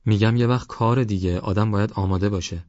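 A man's voice: lowish voice, fairly even intonation, darkish tone, no room sound, natural voice. Worried devout old mother read by a male narrator, dry, slightly dull sound. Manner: fretful, devout. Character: older village mother, pious and worried.

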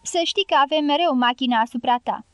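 A woman's voice: high voice, fairly bright tone, clean tone, dry recording. A woman voicing a suspicious male soldier who questions and orders a stranger from behind a parapet in an audiobook. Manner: suspicious, commanding. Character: wary male soldier guarding a trench.

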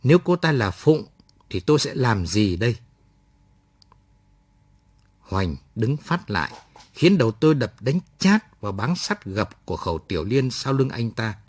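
A man reading a story aloud at night with measured, expressive storytelling. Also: mid-range voice, dry recording. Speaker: story narrator.

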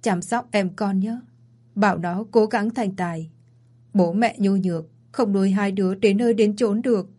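A woman's voice: medium pitch, fairly even intonation, normal speed, warm tone, natural voice. A woman voicing a weak, dying older mother in a story reading, by turns stern and pleading.

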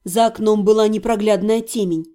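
A woman narrating a fantasy audiobook in the first person, expressive and dramatic. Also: medium pitch, moderate pace.

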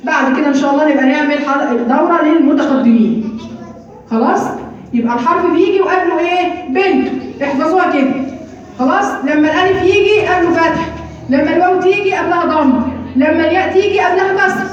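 A high-pitched Egyptian woman leads a classroom drill, repeating lists and answering her own questions with brisk, teasing energy. Her voice rings through a very echoey room and sits well back from the microphone. The recording sounds dull and muffled. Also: distant mic. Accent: Egyptian Arabic. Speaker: Quran recitation teacher.

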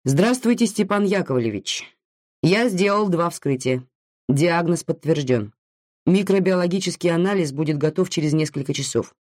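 A reader voicing a firm, measured male doctor, recorded dry and close. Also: mid-range voice, animated, darkish tone, no echo, lightly acted.

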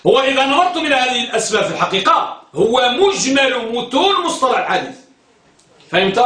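A man's voice: very high voice, bright, forceful tone. A man teaching a class, quizzing his students and repeating key terms. He often tells them to focus. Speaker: teacher of hadith terminology. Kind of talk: classroom lecture with questions to students. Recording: roomy, from some distance.

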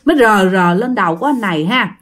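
A woman's voice: mid-range voice, lively intonation, quick pace, a bit bright. A woman with a Southern Vietnamese accent telling a ghost story in a chatty way, often addressing her listeners.

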